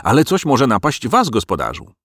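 A man voicing a frightened male farm dog who yelps frantic cries for help in a much higher voice. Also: huge pitch swings, normal speed, fairly bright tone, no echo, clean studio sound, heavily acted. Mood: urgent.

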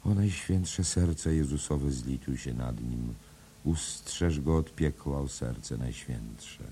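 A man voicing a dying mother who prays slowly in a hushed, moaning voice. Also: a bass voice, a little hiss or hum, exaggerated voice. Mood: mournful. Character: dying, grieving mother, pleading prayer.

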